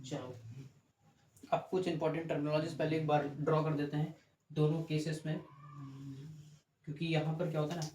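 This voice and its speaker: A man's voice: a little high, flat delivery, brisk, pauses often, darkish tone. A man teaching a physics class, explaining step by step, asking checking questions and correcting himself as he draws. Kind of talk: classroom lecture with board drawing. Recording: echoey room with faint ambient noise.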